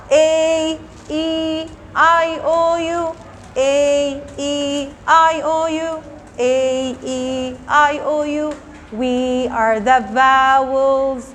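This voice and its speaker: Very high-voiced Egyptian woman teaching children. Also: fairly bright tone, slight background noise. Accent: Egyptian Arabic. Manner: quizzing pupils with repeated questions, addressing children by name. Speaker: primary school English teacher. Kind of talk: children's lesson explanation.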